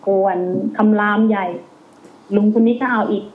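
A woman telling a ghost story in casual, animated chat, acting out voices as she goes. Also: medium pitch, normal speed. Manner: animated, acts out quoted voices in dialogue. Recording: tinny phone line with faint hiss.

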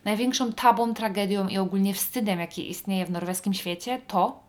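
A woman's voice: medium pitch, moderate pace. A Polish woman hosting a podcast, talking in a chatty, wry monologue with frequent fillers. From Poland. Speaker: podcast host. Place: northern Norway.

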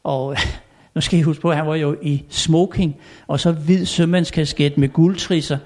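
An older man telling anecdotes in a chatty way, chuckling often and filling pauses. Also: on the high side, fairly even intonation, a little mellow. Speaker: storyteller. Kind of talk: anecdotal storytelling.

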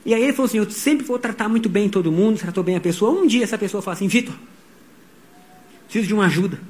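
A middle-aged man, preaching a sermon and telling stories in a lively way. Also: high voice, quick pace. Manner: animated storytelling, voicing quotes. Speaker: pastor.

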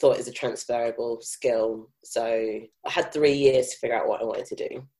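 A young woman with a soft South London accent speaks as an interview guest. She tells personal stories in a candid, casual way, with informal, unpolished phrasing. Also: very deep voice, steady tone, normal speed. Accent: mild South London. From South London, England. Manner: informal, frequent swearing and filler "like".

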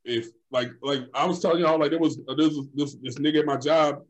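A young man co-hosting a casual chat, telling stories in an animated, profane way, full of filler phrases. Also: fairly high pitch, fairly quick, low-quality recording. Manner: animated, profane storytelling full of "like" and "you know what I'm saying".

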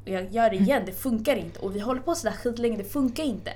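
A young woman excitedly retelling a story in casual chat, laughing as she talks. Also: fairly high pitch.

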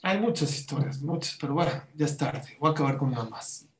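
Guy telling a story, kinda high voice, acts out the lines, echoey room. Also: brisk. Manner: animated, acts out dialogue. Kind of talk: storytelling talk.

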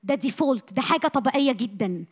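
A woman preaching a sermon to young people, passionate, moving from loud bursts to hushed lines, her voice a little tired. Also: sits high, lively intonation, quick pace, breathy edge. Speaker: missionary speaker. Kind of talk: sermon to a youth meeting.

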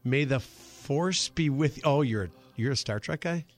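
A man's voice: mid-range voice, expressive, measured pace, no echo. A man co-hosting a radio talk show, teasing his guests and laughing easily as he introduces them. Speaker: radio co-host. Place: radio studio. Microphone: studio microphone.

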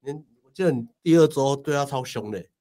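A man with a Taiwanese Mandarin accent, a co-host telling stories in an animated, casual chat. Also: mid-range voice, quick pace.

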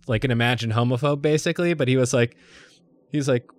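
A man's voice: medium pitch, fast talker. A young man in casual chat, telling a story in a rambling way with lots of restarts, laughs and swearing.

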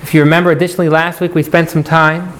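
A man's voice: a little high, level tone, very fast, a bit bright. A man teaching a class as an interactive lecture, putting questions to his students and repeating key points. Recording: noisy live classroom recording.

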